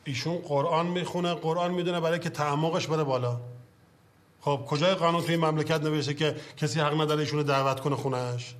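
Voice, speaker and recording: A man's voice: a little high, steady tone, natural voice. A man playing a bossy, hot-tempered father. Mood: scolding. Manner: irritable, lecturing, insistent. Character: pushy middle-aged father, quick-tempered. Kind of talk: film drama acting.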